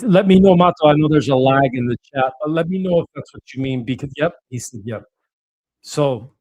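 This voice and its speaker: A man's voice: mid-range voice, darkish tone, no echo, poor audio. Man on a dropout-prone mic with uneven volume. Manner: loose, slangy, drops "dude" and "bro" often. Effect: uneven volume, mic cutting in and out. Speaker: livestream host selling trading cards. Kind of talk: casual live-stream chat with viewers. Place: home room with stocked shelves.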